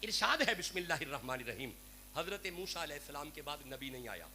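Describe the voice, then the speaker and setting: A Punjabi-accented Pakistani man delivers a fervent sermon, pleading with his listeners. His voice sits high and gravelly. The live recording is noisy with a steady hum. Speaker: Sufi preacher. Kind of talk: devotional sermon to a gathering.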